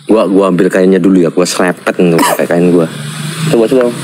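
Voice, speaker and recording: Male host, deep voice, urgent spiritual-guide manner on a horror vlog. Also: brisk, noisy background. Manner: urgent, repeated religious exclamations. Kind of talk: unscripted horror night vlog.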